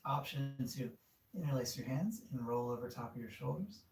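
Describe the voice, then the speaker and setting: A man guiding a yoga class, giving relaxed, encouraging cues with casual fillers. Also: medium pitch, normal speed, vocal fry, soft background music. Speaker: yoga instructor. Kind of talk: guided yoga class instruction. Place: studio room. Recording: echoey room, far from mic.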